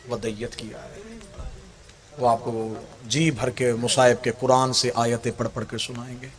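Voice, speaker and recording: A male Islamic scholar delivering a mourning sermon in an impassioned, mournful declamation with wailing cries. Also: medium pitch. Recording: crowd audible behind speaker. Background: gathered congregation.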